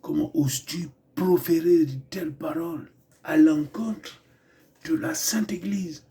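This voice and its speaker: A man's voice: fairly high pitch, a little slow, mellow, voice pushed up. A man doing an outraged devout church guard. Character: indignant devout male church security guard.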